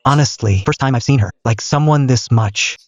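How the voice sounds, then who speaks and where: An actor playing a friendly hospital doctor in a dubbed drama. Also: male voice, medium pitch, normal speed, dry recording, lightly acted. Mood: reassuring. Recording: slightly dull, dry recording.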